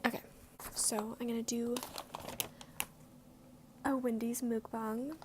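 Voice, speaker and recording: A woman's voice: on the high side, level tone, slow pace, background noise. A young woman vlogging a casual mukbang at home, chatty and swearing freely while she eats. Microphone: headphones with mic.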